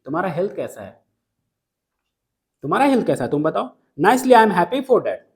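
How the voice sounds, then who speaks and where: Very animated, this man has a high voice and a moderate pace. He is a literature teacher lecturing on a poem line by line, blending Hindi with English, frequently confirming his students understand and repeating the important lines.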